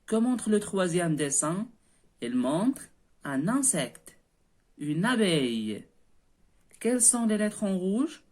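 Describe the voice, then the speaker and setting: A woman's voice: mid-range voice, big pitch swings, slow pace, long pauses, darkish tone. A woman teacher giving a children's reading lesson, patient, spelling out letters and praising often. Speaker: primary school teacher.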